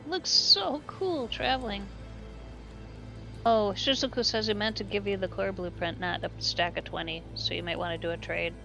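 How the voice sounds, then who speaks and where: A woman's voice: mid-range voice, normal speed, gravelly, over music. A woman with a Minnesota accent co-hosting a game livestream, cheerfully reading out chat messages. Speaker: stream co-host.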